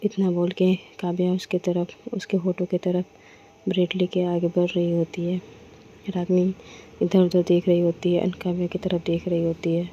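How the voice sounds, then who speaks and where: A woman telling a romance story in a plain, steady manner. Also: fairly low pitch, moderate pace. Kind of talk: story narration. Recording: dull lo-fi with faint noise.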